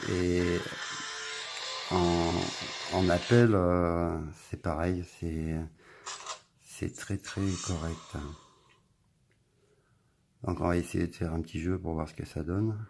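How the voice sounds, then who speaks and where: Male tech vlogger, deep gritty voice, laid-back rambling review, music under him. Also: slow pace, pauses often, background noise. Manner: relaxed, rambling, filler-heavy commentary. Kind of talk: casual product review.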